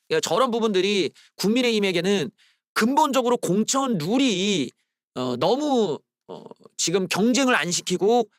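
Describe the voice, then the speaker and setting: High, lively man in a blunt rant. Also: no echo, clean studio sound. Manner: blunt, scornful, rants with rough slang; mocks slogans in loud shouted bursts. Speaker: political commentary host. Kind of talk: solo political commentary.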